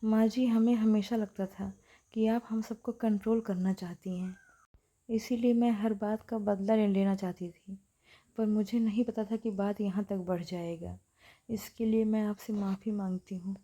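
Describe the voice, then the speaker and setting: Woman reading as a remorseful daughter-in-law, hushed, tearful, dark mellow tone. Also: medium pitch, fairly even intonation, normal speed, dull audio, lightly acted.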